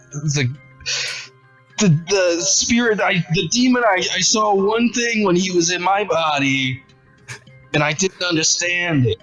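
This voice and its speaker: A showy fake psychic, played by a man, speaks slowly and grandly in a raised, bright voice. He bluffs with an unhurried swagger. Faint music sits behind him. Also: high-pitched, no echo, voice pushed up. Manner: theatrical, slow and showy, bluffing. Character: smooth-talking conman posing as a psychic, grown man.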